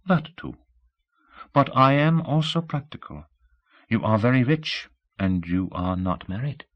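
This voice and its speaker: A man reading an audiobook voices a blunt, shrewd young woman who is poised, softly spoken and gets straight to the point, pitching her well above his own deep tone. Her candid questions are pointed and inquisitive, in a sing-song, slightly slow delivery. The highs are cut off.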